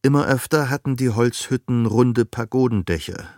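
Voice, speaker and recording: A man reads a novel aloud for an audiobook, a scripted narration delivered in a measured, even storytelling style. His pitch is medium, and the recording is dry with clean studio sound.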